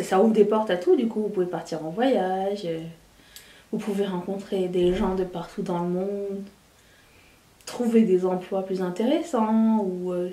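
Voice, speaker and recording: A woman's voice: medium pitch, warm tone, far from the mic. Chatty woman vlogging in a roomy space. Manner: chatty and candid, often restarting sentences. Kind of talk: casual chat to camera. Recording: roomy, voice a bit away from the mic.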